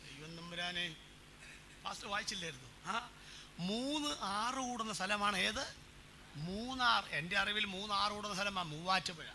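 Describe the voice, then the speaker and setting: A pastor preaching in a church, his voice high and cutting. He talks in an animated way and keeps putting questions to the congregation. Faint noise sits behind him. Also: normal speed. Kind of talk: sermon.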